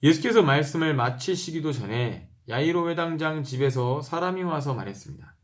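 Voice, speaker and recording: A man reading Bible passages aloud slowly, repeating verses and stopping to explain them in a casual way. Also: fairly high pitch, animated. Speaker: Bible reader. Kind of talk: reading scripture aloud with commentary.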